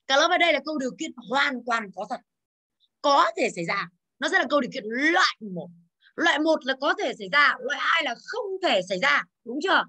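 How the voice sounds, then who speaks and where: A Vietnamese woman in her thirties teaches English in a classroom, her voice high and bright. She works briskly through exercises, calling on students by name and drilling their pronunciation.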